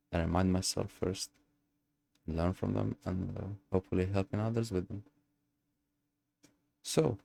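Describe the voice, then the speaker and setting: A young man from Algeria telling his own story in a casual monologue, pausing often and hunting for words. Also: sits low, gravelly, mellow. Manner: hesitant, searching for words with many fillers. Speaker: channel host.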